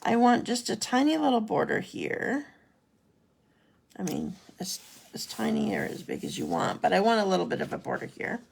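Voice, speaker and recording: A woman's voice: mid-range voice, lively intonation, normal speed, vocal fry, a little hiss or hum. A woman hosting a casual live craft demo, chatty, correcting herself and answering viewer comments as she works.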